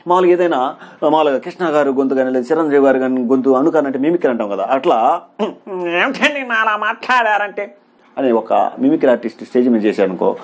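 Husky man teaching like an exam coach. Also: on the high side, darkish tone. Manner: repeats key points as quiz questions and answers; stresses points with "very, very important". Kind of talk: exam-prep lecture.

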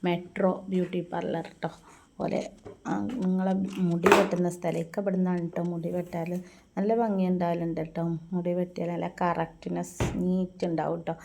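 This woman's fairly low, gravelly voice stays level in tone as she talks fairly quickly with a Malabar Malayalam accent. A mother from Malappuram, Kerala, she gives chatty voice-over for her family vlog from a separate indoor room, ending lines with warm tag words. Kids can be heard in the noisy home recording.

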